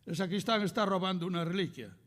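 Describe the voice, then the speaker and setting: An older man from Galicia with a Galician Spanish accent, giving a lecture as a historian and reading out cartoon captions in lively voices. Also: sits high, fast talker. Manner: reads captions aloud with lively quoted voices, translating as he goes. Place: lecture hall. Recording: reverberant lecture hall.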